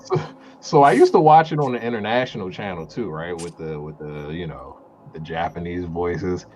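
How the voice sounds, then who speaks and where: Lively low-voiced man chatting. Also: moderate pace, lo-fi sound, a little hiss or hum. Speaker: podcast co-host. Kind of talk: casual anime chat.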